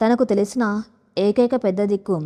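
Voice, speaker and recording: A woman reading a scripted audio story in a steady, emotive manner. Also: mid-range voice, moderate pace.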